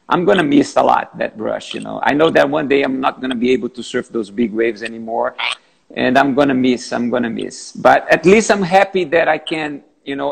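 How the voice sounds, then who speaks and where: A man in his fifties, a big wave surfer, answering interview questions in halting, repetitive English, calling in from a gym. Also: medium pitch, creaky, husky. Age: 50s. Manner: halting, repeats words, non-native phrasing.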